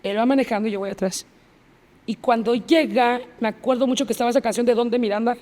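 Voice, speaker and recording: A Mexican-accented woman, a guest on a podcast interview, relives a personal story in vivid detail, reenacting past dialogue and repeating phrases. Her fairly high voice keeps a steady tone at a quick pace and sounds darkish, with big-room sound.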